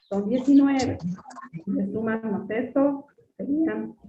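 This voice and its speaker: A woman teaching a class over a video call, her voice on the high side, patient and repetitive as she keeps addressing the students. The sound is narrow and phone-like, with a roomy echo and a faint hiss underneath. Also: takes it slowly. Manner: patient, repeats points and often addresses students as "jóvenes". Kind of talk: online class lecture. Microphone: computer mic on a video call.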